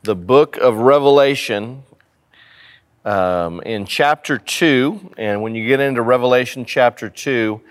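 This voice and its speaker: A man's voice: medium pitch, a little slow. A man preaching as a pastor in a church sanctuary, teaching from scripture and repeating phrases for emphasis with rhetorical questions.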